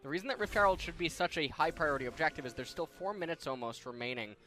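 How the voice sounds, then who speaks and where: High-voiced analytical male esports caster. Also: fast talker, sharp tone. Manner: analytical, breaking down replays. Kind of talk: color commentary.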